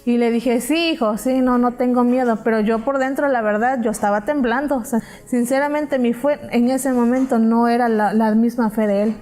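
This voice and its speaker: A woman's voice: a little high, steady tone, normal speed, few pauses, darkish tone, soft background music. A mother giving a personal testimony in church, retelling conversations with hesitant fillers.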